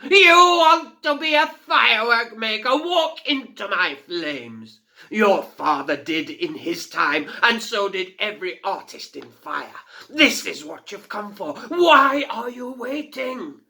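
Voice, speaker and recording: A man's voice: sits high, expressive, takes it slowly, vocal fry, pushed and bright, voice pushed up, heavily acted. A man voicing Razvani, a mocking male fire spirit who roars and laughs in a storybook reading. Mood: commanding.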